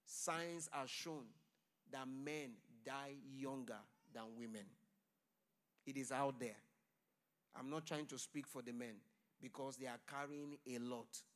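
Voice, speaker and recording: A man's voice: medium pitch, slow pace. A man preaching a sermon, pleading with his congregation and calling for their responses. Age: adult. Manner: loud declaring blessings.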